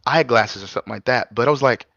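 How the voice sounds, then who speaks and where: A man's voice: mid-range voice, fast, vocal fry, fairly bright tone, dry recording, dull audio. A man co-hosting a casual podcast in a laid-back way, telling little stories from his day. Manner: laid-back, says "y'all", storytelling asides. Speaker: podcast co-host.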